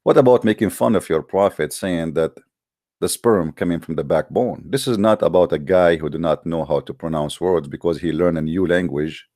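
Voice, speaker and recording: A man with a deep, somewhat mellow voice speaks English at a normal speed as he hosts a live call-in debate show, hesitant yet challenging and full of fillers. Arabic is his first language. The audio is studio quality with no room sound.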